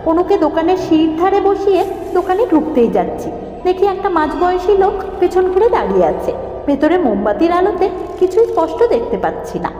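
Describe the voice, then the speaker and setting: Voicing a timid, frightened schoolgirl in a cartoon, a woman tells a ghost story in a very high-pitched, very animated and brisk voice with a dark tone. The horror narration is anxious and dramatic. Music plays behind it, and the muffled lo-fi recording echoes with long reverb.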